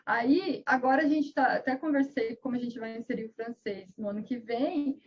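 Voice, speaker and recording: A woman guest and mother talking casually in an interview, telling stories quickly with quoted bits of dialogue, heard over a video call. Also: a little high, slight background noise. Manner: fast, chatty storytelling with quoted dialogue. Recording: dull lo-fi sound.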